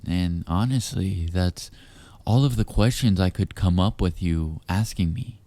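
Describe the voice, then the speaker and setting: Close to the microphone, a male voice actor addresses the listener directly, hushed, teasing and deliberate, like an intimate audio roleplay. His voice is low, and there's no echo.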